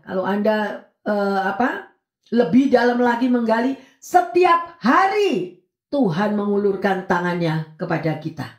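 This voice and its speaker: A woman pastor giving a sermon in a lively way, often switching her pitch up and down as she acts out voices. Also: roomy sound. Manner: lively, swings between high and low pitch, acts out children and prayers.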